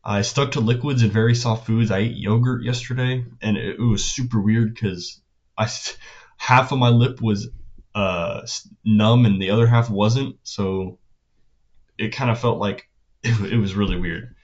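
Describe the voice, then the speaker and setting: A teenage guy with a fairly low voice talks casually, as if recapping his day for a vlog. His delivery is hesitant and halting, with phrase ends that trail off. The sound is a bit dull and lo-fi. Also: fairly even intonation, darkish tone. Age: teenager, about 16. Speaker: vlogger.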